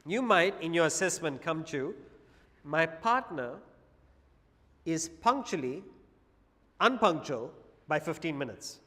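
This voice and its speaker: A man giving a public talk on Vedanta philosophy to an audience, measured and paced with pauses and humorous asides. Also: a little high, expressive, pushed and bright, long reverb tail.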